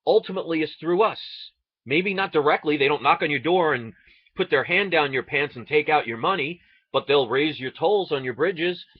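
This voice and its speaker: A man's voice: a little high, moderate pace, slightly rough, dry recording, dull audio. A man from the United States delivering an impassioned, indignant political rant, sarcastic and full of rhetorical questions. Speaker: online video ranter.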